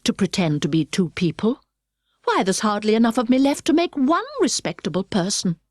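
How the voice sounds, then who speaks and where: A woman's voice: mid-range voice, very animated, moderate pace, dry recording, studio quality. A woman voicing a curious, earnest little girl in a storybook, politely talking to herself. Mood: forlorn.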